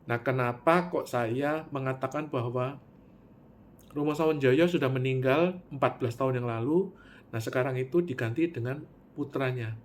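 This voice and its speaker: A man delivering a spoken monologue, swinging from loud, high bursts to low, quiet asides. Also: normal speed. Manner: animated storytelling, with sudden loud pitch jumps and drops to near-mutter; Javanese words mixed in.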